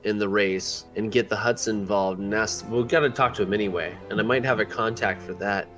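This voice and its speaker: A man's voice: lowish voice, steady tone, a little fast, fairly bright tone, soft background music. A man speaking in character as a player in a tabletop role-playing game, hesitant and full of fillers.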